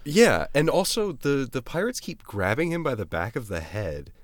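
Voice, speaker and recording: A man's voice: mid-range voice, big pitch swings, normal speed, over a noisy crowd. A young man co-hosting a casual movie review chat with dry, sardonic asides. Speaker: podcast co-host.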